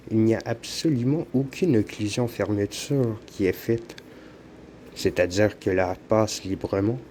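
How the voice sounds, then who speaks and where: A man with a Quebec French accent giving a slow, measured scripted narration for an educational lesson. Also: fairly low pitch, warm tone, a little hiss or hum. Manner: slow, measured explanatory reading.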